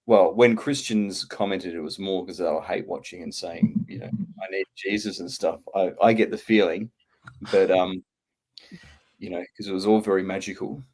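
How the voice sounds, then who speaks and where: A man with a New Zealand accent, a podcast co-host, speaking in a measured, reflective way with pauses. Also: deep voice, fairly even intonation, a little mellow. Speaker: podcast co-host and channel creator. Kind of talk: casual roundtable chat.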